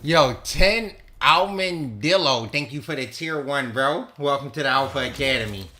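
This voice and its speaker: A man livestreaming a fighting game, chatting casually in slangy, profane language with excitable exclamations. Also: medium pitch, fairly quick. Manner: slangy, profane trash talk. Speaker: livestream host. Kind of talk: casual game-stream chat while playing a fighting game. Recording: roomy echo, faint background noise.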